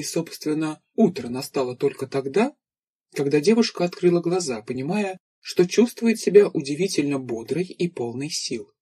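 Husky male audiobook narrator. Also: a little high, darkish tone. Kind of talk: scripted narration.

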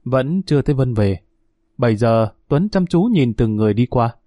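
Male audiobook narrator, measured, mellow, dry studio sound. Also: medium pitch, animated, no echo, highs cut off. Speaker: storyteller.

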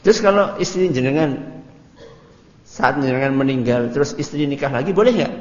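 Preacher, chatty and questioning, booming hall with dull lo-fi sound and faint hiss. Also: male voice, normal speed. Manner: conversational, quizzes the audience, animated jumps in pitch. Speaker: Islamic preacher. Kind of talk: religious study lecture.

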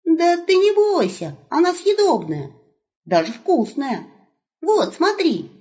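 A woman's voice: very high voice, pitched above the performer's own voice, exaggerated voice. Woman playing a cheeky young wolf lad. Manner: slangy, excited, quick. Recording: muffled lo-fi recording.

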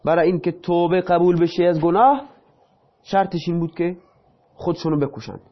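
A man's voice: sits high, steady tone. Man explaining a text, dull lo-fi audio. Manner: reads a passage aloud, then explains it in casual speech. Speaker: teacher.

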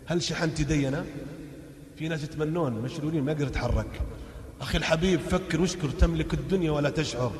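A man preaching a fervent sermon, switching between loud exhortation and hushed warnings and chanting verses, recorded in a large hall or mosque. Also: fairly high pitch, quick pace. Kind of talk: impassioned sermon. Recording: echoey hall, long reverb.

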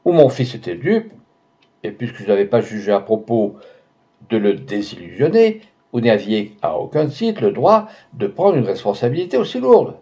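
A man voicing an elderly doctor and father, severe and grieved in tone, pleading loudly through a door when alarmed, on a dull lo-fi recording. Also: mid-range voice, sing-song, normal speed. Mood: stern. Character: elderly male doctor, anxious, stern father.

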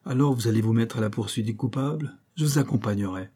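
Un homme jouant un vieux recteur nasillard et vif. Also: male voice, medium pitch, fast, warm tone, natural voice. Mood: brusque. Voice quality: nasal. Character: older male rector, brisk and gruff.

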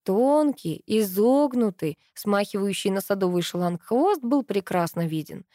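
A woman narrating a first-person novel as an audiobook, in a lively, expressive storytelling manner. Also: medium pitch, a little slow, dry recording, studio quality.

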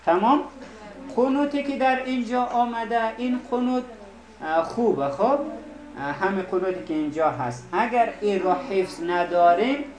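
A man's voice: high voice, animated, crowd noise. Man teaching recitation in an echoey classroom. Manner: slow, deliberate, repeats words to correct pronunciation. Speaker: Arabic teacher. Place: seminary classroom. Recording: roomy classroom echo.

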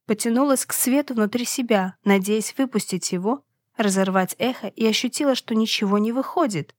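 A woman's voice: fairly high pitch, a little fast, a little mellow, dry recording, clean studio sound. A woman reading a first-person fantasy audiobook, with dramatic, tense storytelling. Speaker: audiobook narrator.

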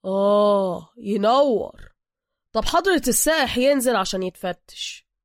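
A woman voicing a gruff male checkpoint thug with a gravelly voice and slow mocking speech. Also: on the high side, expressive, dry recording, studio quality.

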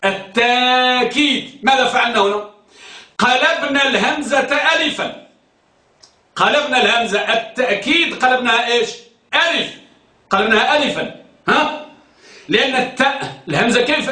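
Male teacher, classroom grammar lesson, high voice, echoey room from a distance. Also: expressive, a little fast, pauses often, bright, forceful tone. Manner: questions students, repeats answers.

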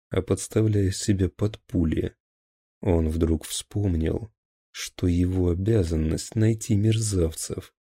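A man narrates an audiobook in a low, very dark voice with a husky grain. His reading is measured and grave, recorded close and completely dry. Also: no room sound.

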